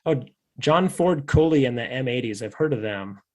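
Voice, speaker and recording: A man's voice: medium pitch, animated, normal speed. A man from Fargo hosting a podcast, chatting in a rambling, easygoing and jokey way. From Fargo, North Dakota. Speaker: podcast host. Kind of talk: casual podcast chat.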